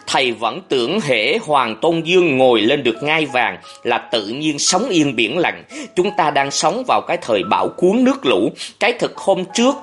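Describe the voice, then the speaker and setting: A calm male general speaks with slow, measured weight, close to the reader's natural voice, as a storyteller voices him. His speech is deliberate and fond, never rushed. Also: mid-range voice, faint music behind, natural voice. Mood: reflective. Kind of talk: audiobook character voice.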